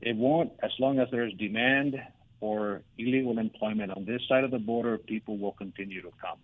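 Halting man on a phone-like line. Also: on the low side. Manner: halting, hesitant, many repeated starts. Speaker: interview guest. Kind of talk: conversational interview answers. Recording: narrow phone-like radio line.

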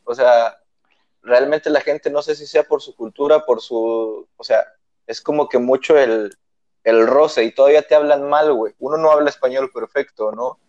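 A man's voice: mid-range voice, fairly even intonation, moderate pace, a little mellow, no echo, dull audio. A man from Veracruz with a Veracruz Mexican accent, chatting casually and peppering everything with slang. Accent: Veracruz Mexican Spanish. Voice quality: slangy, says güey constantly. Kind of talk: casual chat.

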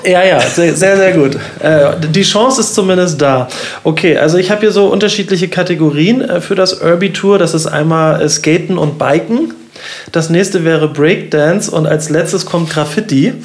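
A man hosting a casual talk show, chatty and playful, quizzing his guests with many fillers. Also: fairly high pitch. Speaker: podcast host. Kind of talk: casual interview chat.

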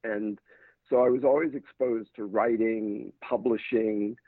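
Husky and lowish, the voice of an England-born talent manager with an American accent stays steady and unhurried. He answers thoughtfully in a casual interview, restarting often, and the line sounds dry and tinny like a phone, without echo.

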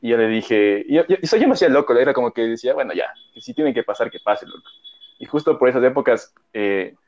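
A man's voice: medium pitch, expressive, quick pace, darkish tone. A young man, telling a story in casual chat, rambling and full of slang and fillers. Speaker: podcast co-host. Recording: dull lo-fi audio.

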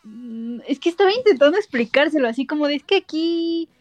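A woman, chatting quickly and casually with friends. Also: sits high, expressive, no room sound. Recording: muffled, lo-fi mic.

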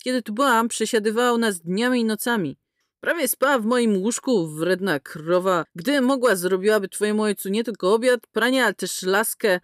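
A woman's voice: mid-range voice, normal speed, dry recording, studio quality, lightly acted. Woman doing a crude sarcastic space pilot. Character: brash foul-mouthed woman space pilot.

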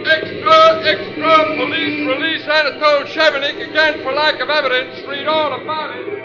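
An actor playing a newsboy hawking papers on a 1940s radio drama. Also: male voice, extremely high pitch, flat delivery, moderate pace, muffled recording. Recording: roomy old radio with loud music.

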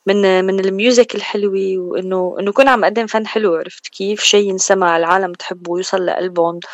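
A woman's voice: mid-range voice, steady tone, fast talker, no room sound, muffled recording. A woman with a Levantine Arabic accent chatting casually as a singer in a radio interview, switching between Arabic and English mid-sentence.

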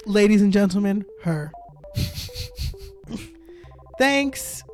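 A woman's voice: medium pitch, animated, extremely slow, a little mellow, soft background music. A woman co-hosting a podcast, chatting casually with strong opinions and frequent laughs. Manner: opinionated, dramatic, laughs often. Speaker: podcast co-host. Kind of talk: casual chat.

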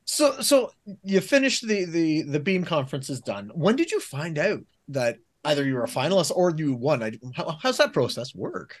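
Halting, friendly interviewer. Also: mid-range voice, very animated. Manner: halting questions with repeated words. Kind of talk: casual interview conversation.

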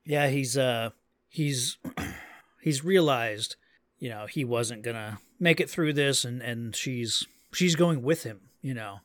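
A man's voice: mid-range voice, takes it slowly, no echo, studio quality. A man guesting on a podcast, talking thoughtfully about a film in a casual way. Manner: thoughtful, trailing phrases. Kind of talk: casual chat.

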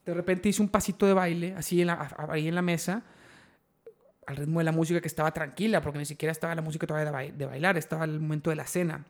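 A young Mexican man hosting a podcast, telling an animated, slangy story and laughing at himself. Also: fairly high pitch, rapid-fire. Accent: Mexican Spanish. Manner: animated, slangy, laughs at his own stories. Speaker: podcast host. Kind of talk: casual storytelling chat.

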